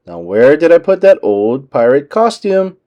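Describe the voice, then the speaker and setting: A man voicing a cheerful, excitable cartoon mouse in an eager, exclamatory way for a storybook. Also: on the high side, measured pace, muffled recording.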